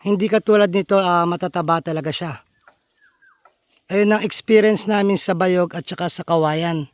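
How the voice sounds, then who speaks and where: A man's voice: high-pitched, moderate pace, clear, resonant tone, no echo. A man hosting a casual outdoor vlog in a bamboo grove, explaining in a friendly, chatty way and often addressing viewers as buddies. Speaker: vlogger host.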